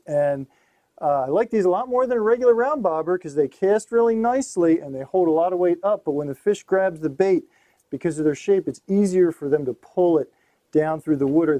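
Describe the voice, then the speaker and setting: Upbeat middle-aged man, high-ish voice. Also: warm tone, no room sound. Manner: upbeat, emphatic repetition. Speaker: host. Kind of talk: gear demonstration. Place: small tackle shop room, indoors.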